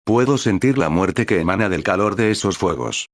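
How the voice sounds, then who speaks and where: A man's voice: deep voice, animated, moderate pace, no room sound, clean studio sound. A man voicing an aging male demon lord who speaks with perverse relish and sounds weary. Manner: dark relish, groaning.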